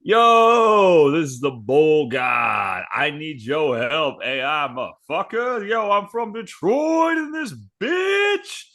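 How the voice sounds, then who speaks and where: A man's voice: on the high side, lively intonation, a bit bright, heavily acted. A man voicing a brash, profane street guy from Detroit who threatens anyone who talks back. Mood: belligerent. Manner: cocky, profane, quick to threaten.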